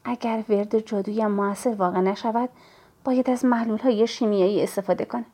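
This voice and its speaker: A woman narrating a novel in the first person, telling the story at a measured, steady pace. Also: mid-range voice. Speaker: audiobook narrator.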